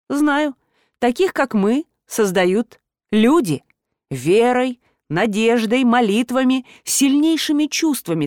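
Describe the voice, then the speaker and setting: A woman reading an audiobook, voicing a weary, regretful ancient male god who speaks in a measured, low, tired way. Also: darkish tone, dry recording, clean studio sound. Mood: explaining.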